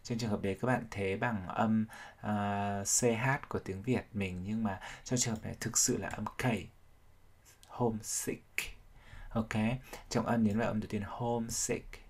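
A man's voice: on the low side, fairly even intonation, normal speed, a little hiss or hum. A man teaching English vocabulary, explaining each sound step by step and repeating words to drill them. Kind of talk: vocabulary pronunciation lesson.

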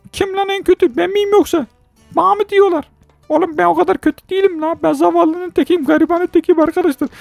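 A woman hosts a let's-play with a very high, gravelly voice. She jokes with her viewers and keeps breaking into excited exclamations. The sound is close and dry. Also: no echo. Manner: excitable, joking banter with viewers, frequent exclamations. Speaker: gaming channel host. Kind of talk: let's-play game commentary.

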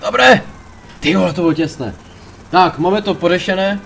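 Excitable young-sounding gamer guy swearing. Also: high-pitched, slight background noise. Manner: excitable, swears a lot, panics loudly in tense moments. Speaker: let's play gamer. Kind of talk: casual gameplay commentary.

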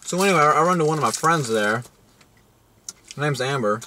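A man's voice: on the high side, expressive, a little fast, sharp tone, slight background noise. A young man co-hosting a crude comedy show, telling rambling joking stories with slang and filler. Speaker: co-host.

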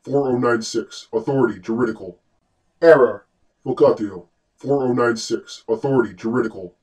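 A man voicing a malfunctioning male facility AI that glitches and repeats itself in flat, clipped announcements, heard from a distance. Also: mid-range voice, normal speed, close to an everyday voice. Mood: glitching, failing. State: glitching, stuttering system errors and repeats. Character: malfunctioning facility AI system, male, cold, mechanical.

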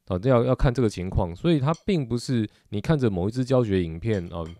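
A man's voice: fairly low pitch, mellow, no echo, studio quality. A middle-aged man with a Taiwanese Mandarin accent, explaining drumming technique patiently in a video lesson, with frequent filler particles. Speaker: drum teacher.

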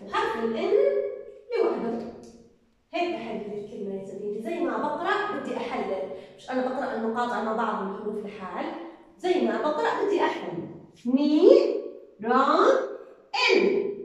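A woman teacher gives an early-grade reading lesson, slowly sounding out each syllable. Her voice sits a little high. She is recorded from a distance in a room with a long, echoing reverb. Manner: slow, sounding out syllables patiently. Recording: echoey room from far off.

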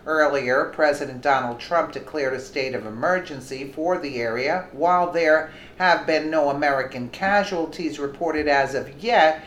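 A woman hosting, reading a news article aloud with brief commentary. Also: low voice. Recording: roomy echo, faint background noise.

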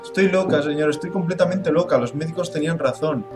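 A man's voice: a little high, quick pace, over music, voice pushed up, natural voice. A man voicing a frightened, fragile young girl in a game, pleading and trembling. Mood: distraught.

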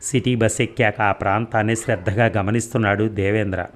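A man narrating a serial story in a measured storytelling manner. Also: on the low side, steady tone.

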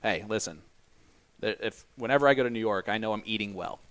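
A man's voice: fairly low pitch, fast talker, a bit bright. A man from Indiana with an American accent, hosting casual, bantering darts commentary with a joking, teasing manner. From Indiana, United States. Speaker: stream commentator and host.

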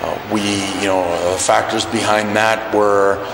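A middle-aged man, a national team coach, giving a measured postgame interview in an arena press area and often repeating words as he searches for phrasing. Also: lowish voice, steady tone, gravelly. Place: indoor arena press area by a sponsor wall. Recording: echoey arena hall with noise.

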